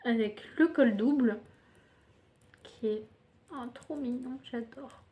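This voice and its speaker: This knitting podcaster speaks slowly in a fairly high voice, and the audio comes across narrow and tinny. The young woman presents her knitting on camera casually, hesitating often, filling gaps with fillers, and teasing herself in a chatty manner.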